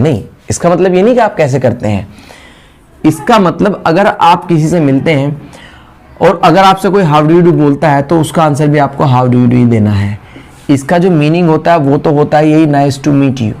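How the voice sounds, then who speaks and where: A man's voice: a little high, a little mellow. A man with an Indian accent, a spoken English teacher, explains patiently and keeps repeating English phrases so they sink in. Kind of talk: classroom explanation.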